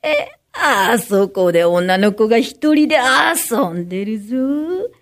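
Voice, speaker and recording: A woman's voice: on the high side, big pitch swings, a little slow. A woman playing a scheming middle-aged man who coaxes a child to follow him, in a crime-prevention radio skit. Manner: wheedling, sneaky coaxing. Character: sly scheming middle-aged male child-luring stranger.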